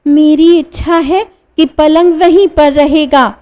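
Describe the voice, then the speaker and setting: A woman's voice: high voice, steady tone, slow pace, dark tone, voice pushed up. A woman voicing a pompous husband giving stern warnings in a one-reader radio play. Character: pompous husband, insisting on his way.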